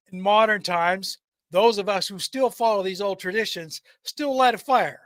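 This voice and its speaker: A man hosts a storytelling podcast in a high, bright voice. He reads scripted folk tales aloud, sometimes tripping on a word and repeating it. The sound is close and dry, with very little room echo. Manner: stumbles and repeats words while reading. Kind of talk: scripted narration, reading a folk tale.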